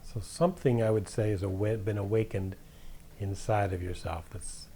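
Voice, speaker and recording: A man with a low, mellow voice guides a body-awareness session. He talks slowly and gently and often mirrors the other person's words back to them. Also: fairly even intonation, a little hiss or hum. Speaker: focusing guide.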